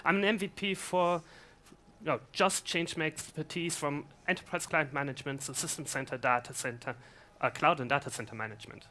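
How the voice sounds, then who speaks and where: A man with a fairly high, steady, sharp-toned voice speaks quite quickly while presenting in a conference room. He's from Scotland and Germany, and his casual talk is chatty and self-deprecating as he poses questions to the audience.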